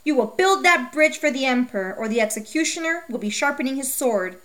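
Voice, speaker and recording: A woman's voice: high-pitched, lively intonation, brisk, fairly bright tone. A woman reading the lines of a stern imperial official in a storybook, snapping out threats. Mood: threatening. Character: stern imperial official, adult man, harsh.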